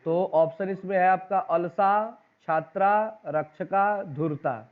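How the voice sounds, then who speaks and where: A man with a high voice and a Bihari Hindi accent teaches a classroom of students. He reads out exam questions and their options, quizzes the class and repeats the answers back. The sound is thin and tinny, like a phone recording. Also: slow. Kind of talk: exam-prep lesson, reading out quiz questions and options.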